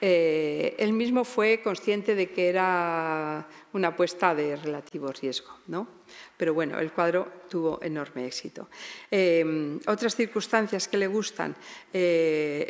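A woman curator giving an art history lecture in a large hall, speaking hesitantly with many fillers and tag questions. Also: lowish voice. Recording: long reverb of a big hall.

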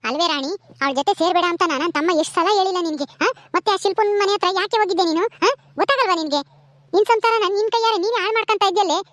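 Woman playing elder sister-in-law, stern, lecturing, reproachful, high voice. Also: very fast, fairly bright tone, no room sound.

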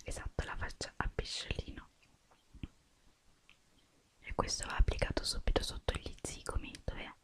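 A young woman whispering softly through an ASMR roleplay as a makeup artist, gently guiding the listener step by step. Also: moderate pace, long pauses.

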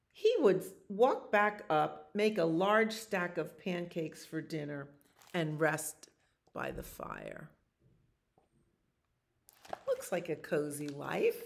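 In a small library children's room, a woman in her sixties reads a picture book aloud to young listeners. Her low voice carries a noticeable creak. She goes slowly and casually explains the pictures along the way.

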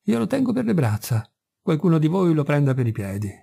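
A man voicing an unflappable, courteous sailor who speaks calmly and affably. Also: fairly high pitch, a little fast, gravelly, slightly rough, exaggerated voice. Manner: calm, affable. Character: calm ship's cook, male, unflappable and courteous.

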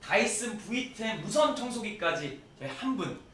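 A man hosting a live prize draw as a booming, projected announcer, formal, polite and emphatic. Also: lively intonation, moderate pace, a bit bright. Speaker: host of a prize draw live stream, actor. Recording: echoey room, distant mic, faint noise.

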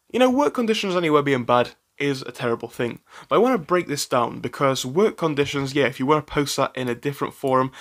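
A man hosting a stock commentary channel, talking in a chatty, opinionated way with frequent fillers and restarts. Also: medium pitch. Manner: chatty, animated, with frequent fillers and self-corrections.

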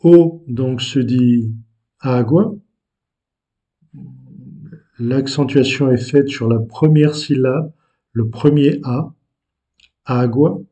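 A man teaching vocabulary to learners, patient and explaining with hesitant pauses. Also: mid-range voice, mellow. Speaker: language teacher.

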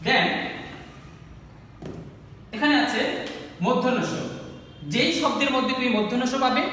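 A male teacher with a Bangladeshi Bengali accent walks students through a grammar lesson, asking questions and then answering them himself. His voice sits very high. The sound is distant and echoey, with a faint hiss behind it. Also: fairly bright tone. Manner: explains step by step, asks and answers his own questions.

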